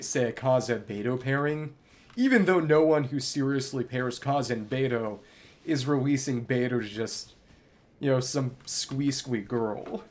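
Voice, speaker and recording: A male game streamer talks in a loose, rambling way while gaming, thoughtful and full of words but often pausing to grope for the right one. His voice is mid-range and a little mellow, and game music can be heard underneath.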